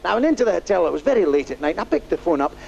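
A man, a comedian, telling a lively stand-up story. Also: high voice, very fast, vocal fry, muffled recording, a little hiss or hum.

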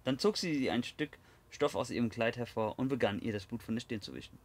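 Casual let's player. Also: male voice, medium pitch, a little fast. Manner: casual, swears, stumbles over typos. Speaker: let's play host. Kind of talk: reading game text aloud with casual comments.

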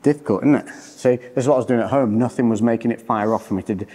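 A man's voice: medium pitch, racing, dark tone. A man in his thirties explaining his own symptoms in casual chat, as presenter and patient. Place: large hard-floored gym, indoors. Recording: reverberant hall-like room.

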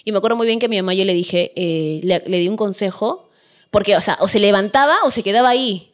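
A woman's voice: medium pitch, quick pace. A Peruvian woman, a guest on a podcast, telling her own story in a casual interview, candid and emphatic.

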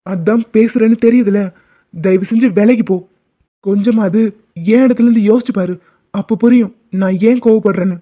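Cartoon role: man playing a proud, angry young villager, high voice, dull lo-fi audio. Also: steady tone, normal speed. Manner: harsh, scolding. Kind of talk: cartoon dubbing.

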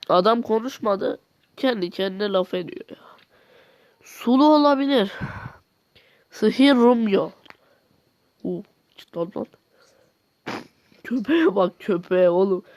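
A man's voice: sits high, a little mellow. A man giving a comic voice-over commentary, joking and mock-exasperated as he talks to himself. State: nauseous near the end. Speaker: video commentator.

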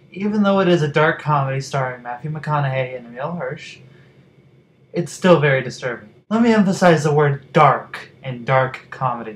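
A man's voice: on the high side, a little hiss or hum, rough recording. A man giving a casual, enthusiastic movie review, addressing viewers directly. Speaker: film reviewer.

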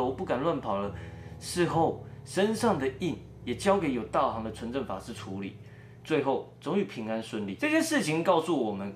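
A man narrating a first-person ghost story and acting out every quoted voice. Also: mid-range voice. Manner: animated, acts out every quoted voice.

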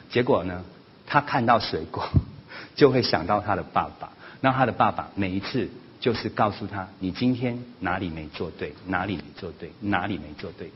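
A man giving a sermon-style parenting lesson at church, animated, often acting out family quarrels in a raised voice. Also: fairly low pitch. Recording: slightly dull lo-fi recording with faint noise.

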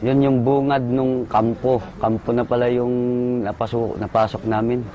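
A man, a soldier, recalling a firefight in short halting bursts and military jargon. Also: medium pitch, little pitch movement, mellow, dull audio. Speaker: soldier recounting combat. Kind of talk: casual spoken recollection.

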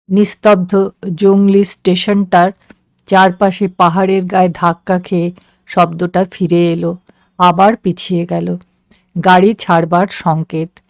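Slow, measured woman reading a story aloud. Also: on the low side, no room sound, clean studio sound. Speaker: story reader. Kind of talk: storytelling narration.

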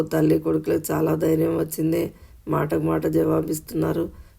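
A man narrating an audio short story in a steady, scripted reading voice. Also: a little high, vocal fry, husky.

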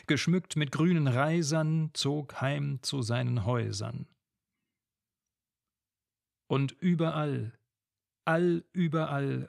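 Slow gravelly man reciting a ballad. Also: medium pitch, dry recording, studio quality. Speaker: narrator. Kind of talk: reading a classic ballad.

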